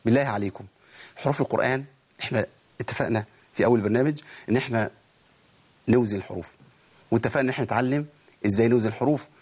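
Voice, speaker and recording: A man with an Egyptian accent teaching Quran recitation in a recorded lesson, asking rhetorical questions and drawing out example words slowly to demonstrate them. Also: mid-range voice, a little mellow, husky. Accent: Egyptian Arabic.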